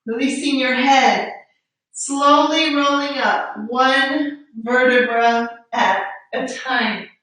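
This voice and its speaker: High-voiced woman leading yoga, roomy echo. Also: slow pace, a bit bright. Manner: encouraging, guiding breath cues. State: a little out of breath. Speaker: yoga teacher. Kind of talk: live yoga class instruction. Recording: roomy echo, distant mic.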